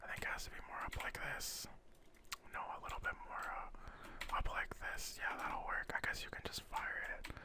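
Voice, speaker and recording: A man giving ASMR gaming commentary in an unvoiced, breathy whisper, explaining things gently and a little hesitantly. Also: moderate pace. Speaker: gaming video host and guide.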